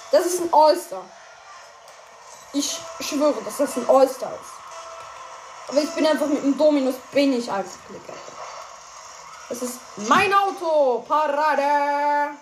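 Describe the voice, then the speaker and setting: In an echoey room with noticeable background noise, a female streamer with a high voice calls her own gameplay. She shouts and cries out at every goal or miss, stays excitable throughout, and tosses chatty remarks to her audience.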